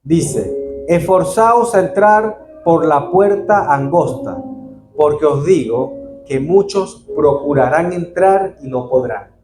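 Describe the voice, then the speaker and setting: A man's voice: on the high side, animated, takes it slowly, music in the background. A man preaching a sermon in a church, earnest and calling the congregation brother.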